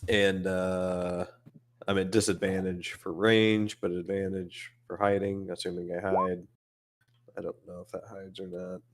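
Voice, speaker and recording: Low-voiced man playing a tabletop game. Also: little pitch movement, unhurried, a little hiss or hum. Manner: laid-back, working out his moves aloud. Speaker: player. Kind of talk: casual chat during a tabletop game.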